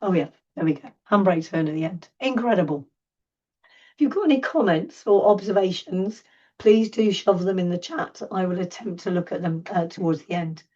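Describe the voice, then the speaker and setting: A woman's voice: lowish voice, expressive, moderate pace, mellow. A middle-aged woman from England with a sore throat, giving a chatty, enthusiastic online talk as a seal researcher over wildlife clips. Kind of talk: informal narrated video lecture. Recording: distant, dull lo-fi mic.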